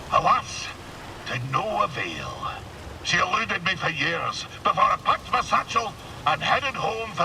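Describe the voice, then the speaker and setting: Gruff old fisherman alien for a game: high, swooping, salty storyteller with a gravelly edge. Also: distant mic, background noise, heavily acted. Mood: rueful, insistent. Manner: gruff old fisherman, theatrical sea-dog talk. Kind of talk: animated video game character dialogue.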